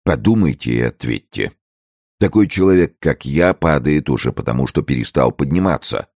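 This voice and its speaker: A man reading as a proud, disgraced male minister in an audiobook, with solemn, measured speech. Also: very deep voice, animated, a little mellow, dry recording, clean studio sound, exaggerated voice. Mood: grave.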